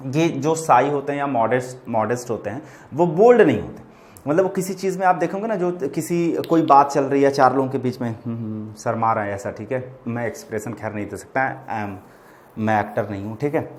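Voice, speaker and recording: A man's voice: mid-range voice, a little fast. A man in a medium voice gives a vocabulary lesson. He talks in a chatty, repetitive way and keeps turning to his students with affectionate asides. He sounds like a teacher at a board. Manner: chatty and repetitive, addresses students as "beta" and "bachche". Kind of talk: explaining English words in Hindi to students.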